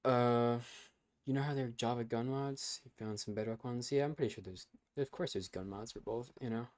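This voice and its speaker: In a dry recording, a young man hosting a live stream chats casually in a medium-pitched, slightly mellow voice at a fairly quick clip. He rambles, uses fillers, restarts thoughts, and sounds increasingly scratchy.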